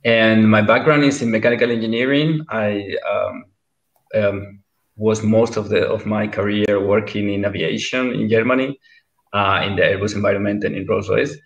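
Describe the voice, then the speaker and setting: A man's voice: on the low side, fairly even intonation, normal speed. A man, a panel guest, who speaks hesitantly and repeats words as he searches for them, on a video call. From Bilbao, Spain. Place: home room, indoors. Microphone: video call webcam. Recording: roomy, dull video call audio.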